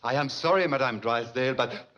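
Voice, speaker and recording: A man playing a suave, flattering fashion designer with a French accent and courtly, unctuous manners in a 1960s TV sitcom. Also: mid-range voice, fairly quick, dull audio, lightly acted. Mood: guarded, polite. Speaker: couturier, salon owner. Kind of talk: 1960s television sitcom acting. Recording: noisy old television soundtrack.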